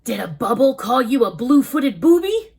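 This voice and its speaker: A woman's voice: fairly high pitch, big pitch swings, normal speed, creaky, darkish tone, husky, pitched below the performer's own voice, exaggerated voice. A woman voicing a cheerful, silly narwhal superhero boy, reading a children's storybook aloud with a playful, joking manner.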